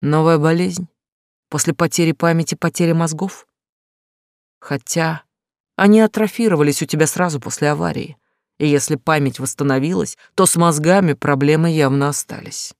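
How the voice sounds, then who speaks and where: A woman reading the lines of a cruel, contemptuous man in an audiobook, cutting and scornful, sometimes shouting. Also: low voice, moderate pace, no echo, studio quality. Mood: mocking. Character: cruel, contemptuous man rejecting his lover.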